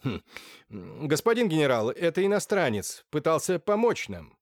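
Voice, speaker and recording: A man's voice: fairly high pitch, wildly swooping pitch, moderate pace, no echo, studio quality, pitched above the performer's own voice. A man voicing an experienced, composed police inspector who reports in a clipped, businesslike way. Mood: matter-of-fact.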